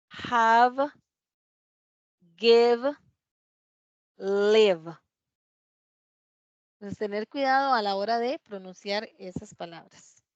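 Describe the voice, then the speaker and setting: Woman English teacher, fairly high voice, patient, spells out each sound slowly, dry and muffled. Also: no echo. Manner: explains patiently and models words slowly and clearly; often checks understanding with tag questions. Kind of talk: classroom lesson.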